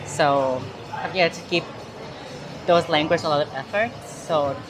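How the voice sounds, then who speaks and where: A Thai woman in her thirties with a Thai accent chats casually in an interview, full of fillers and restarts, on a clip-on lapel mic in a big indoor mall. Her voice is deep and measured, and the rough recording carries crowd noise.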